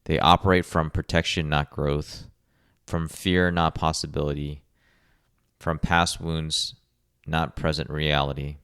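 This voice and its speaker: Male podcast host, very low and smooth voice, dry close mic, measured coaching delivery. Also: level tone, a bit bright, dry recording. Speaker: podcast host, rehab clinician. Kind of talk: scripted podcast monologue.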